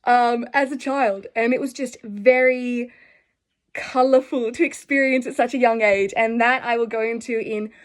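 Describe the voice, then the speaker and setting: Speaking at normal speed in a steady, slightly high voice, this young Australian spiritual vlogger casually shares personal stories to camera. She's earnest and effusive, and she rambles.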